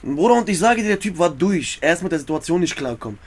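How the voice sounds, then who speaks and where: A man's voice: a little high, lively intonation, quick pace, darkish tone. A man with an urban German multiethnolect accent telling stories in slangy casual speech, acting out dialogue and repeating phrases. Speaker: guest telling prison stories. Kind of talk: animated casual storytelling.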